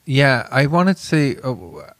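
A man co-hosting a comedy podcast in casual, joking chat, telling things in a rambling, deadpan way. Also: medium pitch, takes it slowly, no echo. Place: warehouse used for recording.

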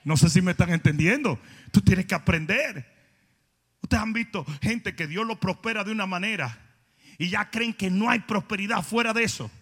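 A male pastor, preaching an emphatic sermon, often shouting and throwing in jokey asides. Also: high voice, moderate pace, slightly rough, in a large hall.

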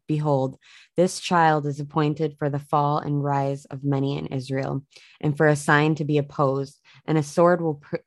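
A woman hosting a show, reading Bible passages aloud and adding earnest, halting reflections with frequent fillers. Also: sits low, darkish tone, no echo. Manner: earnest, halting with fillers when speaking off the cuff. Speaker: podcast host reading scripture.

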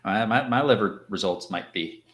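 A man's voice: fairly low pitch, normal speed, fairly bright tone. A man hosting a casual live chat over drinks, chatty and jokey, often laughing. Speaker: podcast co-host. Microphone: livestream setup.

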